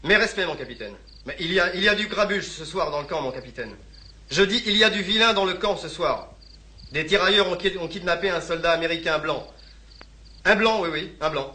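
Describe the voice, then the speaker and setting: An actor playing an anxious French army lieutenant who speaks formally and grows agitated. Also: male voice, high-pitched, brisk, sharp tone, a little hiss or hum. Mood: tense. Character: nervous French colonial lieutenant, out of his depth.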